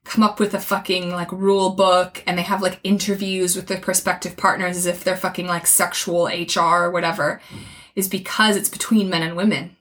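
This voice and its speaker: A woman's voice: fairly low pitch, little pitch movement, a little fast, fairly bright tone. A woman co-hosting a podcast, opinionated and casual, swearing freely and referencing essays. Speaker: podcast co-host. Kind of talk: casual chat.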